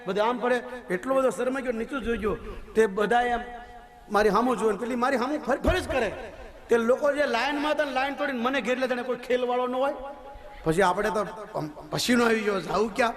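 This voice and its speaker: A male preacher with a Gujarati accent, telling funny anecdotes and moral lessons in a chatty devotional sermon, laughing often. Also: extremely high pitch. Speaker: Ram Katha preacher.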